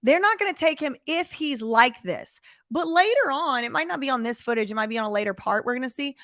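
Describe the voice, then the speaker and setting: A woman hosts casual commentary on footage, speaking emphatically and often tossing rhetorical questions at her viewers. Her high-pitched voice is animated, a little fast and a bit bright, captured in clean studio sound with no echo.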